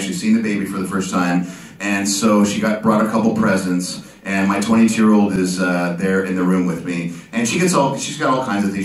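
A man in his fifties spins rambling, self-mocking stories for a live crowd and acts out the people in them. His voice sits on the low side. It rings around an echoey room and reaches the mic from some distance. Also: fairly bright tone. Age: 50s. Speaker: artist hosting an art auction talk. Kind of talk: comic storytelling to a live audience. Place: ship's hall with audience.

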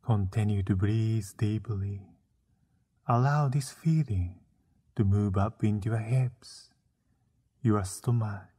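Low husky guy doing guided meditation, soothing, lots of pauses. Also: mellow. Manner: soothing, unhurried delivery with frequent pauses.

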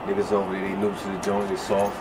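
A man acting as a young street schemer who talks low and hushed, filmed outdoors on a city sidewalk at night. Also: monotone, fast talker, noisy background, natural voice. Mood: conspiratorial. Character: young man pitching a robbery, sly. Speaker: street character in a crime drama.

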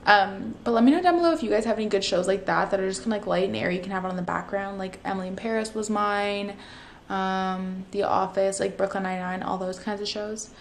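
A Canadian vlogger in her twenties chats upbeat to a nearby camera in her living room, saying "like" and "you guys" a lot. She talks fast in a creaky, mid-range voice, and there's a slight hiss or hum.

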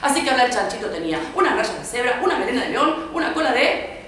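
A woman's voice: a little high, fast, far from the mic. A woman with a Rioplatense Spanish accent, telling a story to children at a library and asking them questions as she goes. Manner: expressive, asks the children questions, puts on squeals for characters. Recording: echoey room recorded from afar, noisy.

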